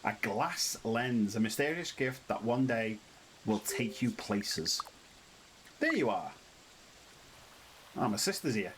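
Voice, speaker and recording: A man's voice: lowish voice, sing-song, slow pace, pauses often, a bit bright, slight background noise, rough recording. A British man doing casual let's-play commentary, chatty and reading the game's text aloud in a sing-song way. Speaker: gaming channel host.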